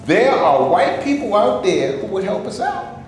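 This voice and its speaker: In a theater before a live audience, an actor in a staged reading voices a fed-up, impatient man demanding his share, impassioned and indignant in a heated mood. His voice is high and swings widely in pitch, though he takes his time. The recording carries room echo and faint background noise.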